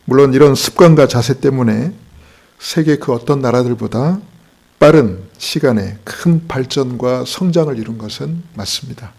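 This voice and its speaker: A man preaching a Sunday morning sermon in a gravelly, fry-edged voice at a middle pitch. He puts rhetorical questions to his congregation and slips in joking stories along the way. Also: moderate pace, darkish tone. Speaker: pastor.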